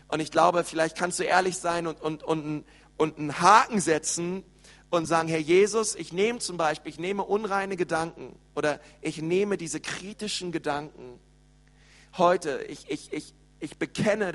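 A man preaching a lively sermon and speaking directly to his congregation. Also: fairly high pitch, big-room sound. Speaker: pastor.

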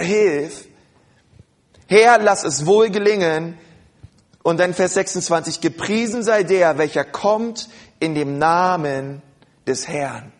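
High-voiced German-speaking preacher. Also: male voice. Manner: addresses congregation directly, calls for responses; shifts into quiet prayerful tone at times. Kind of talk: sermon.

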